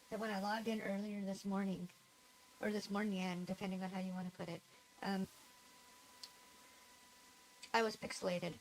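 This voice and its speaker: A woman livestreams a game and chats casually in a nasal, mid-range voice, rambling, giggling at herself and making self-deprecating remarks. The recording is rough, with a little hiss or hum.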